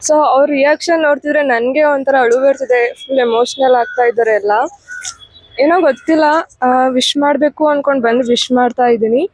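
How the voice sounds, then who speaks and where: A young woman with a high, light voice talks into a phone outdoors, greeting passers-by on a street. She coaxes and repeats herself warmly, chatting in a casual vlog style. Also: fairly even intonation, fairly quick, no echo, low-quality recording. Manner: warm, coaxing, repeats herself. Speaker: vlogger.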